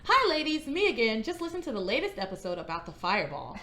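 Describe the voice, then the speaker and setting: A woman co-hosting a podcast chats casually and reads listener emails aloud, breaking into giggles. Her voice is pushed, bright, and fast with huge pitch swings, reaching into a high singing range.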